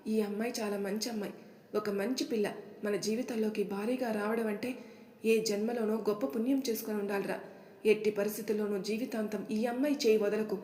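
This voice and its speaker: A woman's voice: medium pitch, fairly even intonation, fairly quick, dark tone, close to an everyday voice. A woman voicing a fond middle-aged uncle. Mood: scolding. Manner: fond, chiding, heartfelt. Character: middle-aged maternal uncle, affectionate and scolding. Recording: echoey room with long reverb.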